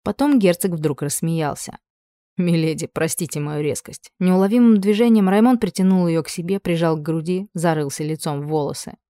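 Brief: woman audiobook narrator, calm and measured, warm low voice, dry close recording. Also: no room sound. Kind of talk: scripted narration.

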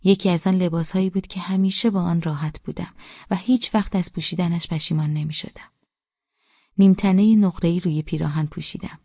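A woman's voice: fairly low pitch, fairly even intonation, dark tone, husky, no echo, dull audio. A woman narrating a first-person audiobook with a wry, self-deprecating storytelling manner.

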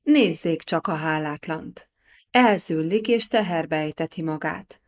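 A woman's voice: low voice, lightly acted. A woman reading an audiobook, voicing a bossy, scornful middle-aged noblewoman who talks down to a young mother. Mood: indignant. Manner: scolding, haughty.

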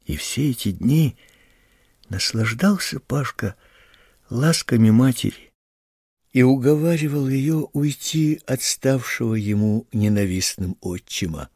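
A man reads a story aloud at a slow, measured pace. His voice is gravelly and husky. The sound is dry and close, with no room echo. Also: mid-range voice, animated, a little mellow. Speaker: audiobook reader. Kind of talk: scripted narration.

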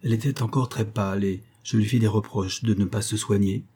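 A man narrates a classic detective tale in the first person with measured, steady pacing. His voice sits low, with a dark, mellow color. A husky grain runs through every line. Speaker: audiobook narrator.

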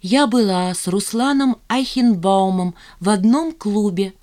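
A woman's voice: mid-range voice, expressive, measured pace, dark tone, voice pushed up, natural voice. A woman reading the part of a proud, moody young woman in an audiobook, sullen and sarcastic.

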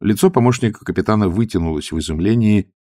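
A man narrating an audiobook in an expressive storytelling manner. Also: lowish voice, fast, no room sound, studio quality.

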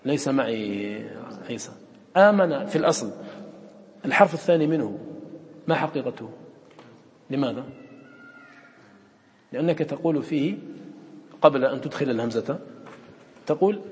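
A man's voice: fairly high pitch, a little mellow, slightly rough, long reverb tail. A man teaching a class on recitation, repeating words aloud and quizzing his students with questions.

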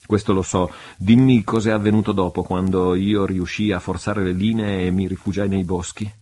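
A man's voice: sits low, flat delivery, normal speed, warm tone. A man reading the lines of a proud, vengeful pirate chief who gives cold, commanding threats. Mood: impatient.

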